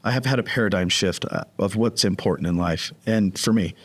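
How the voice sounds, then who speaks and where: A man guest on a podcast, telling his recovery story in a casual, animated way, often acting out what people said. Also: low-pitched, brisk. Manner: animated, acts out quoted voices.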